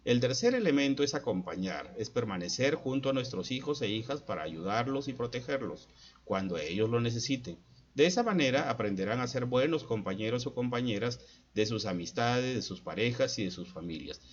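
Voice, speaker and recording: A man's voice: medium pitch, expressive, a little fast, lo-fi sound. A man giving an instructional talk to parents, posing points as repeated rhetorical questions. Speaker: speaker advising parents.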